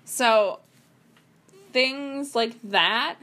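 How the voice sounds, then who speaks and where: Speaking very slowly in a fairly high, bright, forceful voice, a young woman shares writing tips from her computer at home. It's casual solo commentary, peppered with fillers and restarts.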